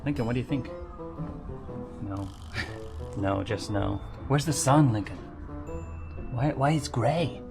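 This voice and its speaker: A man's voice: medium pitch, slow, gravelly, pauses often, music in the background. A British man filming a travel vlog, complaining with exasperated, mocking remarks as he walks through a hotel and city streets. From United Kingdom. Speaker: vlogger.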